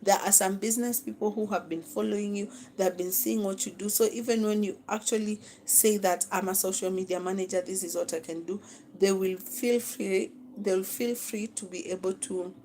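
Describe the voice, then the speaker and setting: Leading a live online masterclass on managing social media, this Kenyan-accented woman, a social media marketing instructor, coaches her viewers, repeats phrases and keeps asking "okay?". She speaks at normal speed with a medium-pitched, steady, warm voice, on a rough recording with a little hiss or hum.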